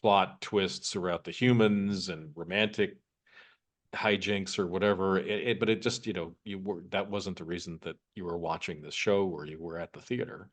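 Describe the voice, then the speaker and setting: Low-voiced wry male podcast co-host. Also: fairly even intonation, moderate pace. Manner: wry, anecdotal storytelling. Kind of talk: casual chat.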